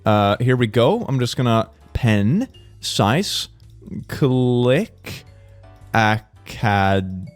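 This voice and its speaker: Lively playful man with Swedish accent. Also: medium pitch, slow pace, dry recording, faint music behind. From Sweden. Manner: playful, sarcastic, rambling with sudden bursts of excitement. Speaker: streamer. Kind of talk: mock classroom lecture, casual streaming chat.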